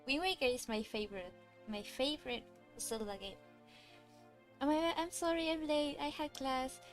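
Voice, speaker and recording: Over soft background music, a Cantonese-native woman with a high-sitting voice talks casually on a drawing livestream. She sounds nervous and unsure, often stopping and starting her sentences again.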